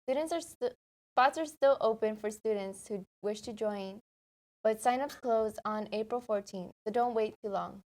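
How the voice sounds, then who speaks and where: A woman's voice: medium pitch, a little mellow. A teenage girl anchoring a student news show, reading event announcements in an upbeat way with small slips.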